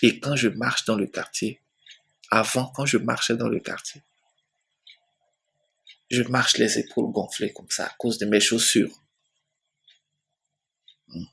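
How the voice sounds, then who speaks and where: Man, faith testimony, storytelling, repeats himself, deeply gravelly, breathy and rough. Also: steady tone, sharp tone. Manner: slow storytelling with many repetitions. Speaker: church member giving a testimony.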